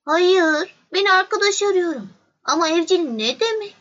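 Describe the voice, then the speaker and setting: A woman voicing the little prince, a polite and lonely young boy, speaking softly and earnestly in a storybook reading. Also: very high-pitched, animated, normal speed, highs cut off, pitched above the performer's own voice. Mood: curious.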